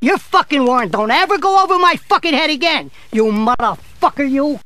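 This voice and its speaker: Quick, menacing tough guy, swearing threats. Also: extremely high pitch, animated, bright, forceful tone, dry recording.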